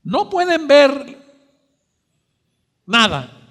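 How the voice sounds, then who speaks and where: A male preacher with a high voice delivers a dramatic sermon. He fires rhetorical questions at the congregation and swings between hushed and loud. His voice rings with the long reverb of a church sanctuary. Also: sing-song, very slow.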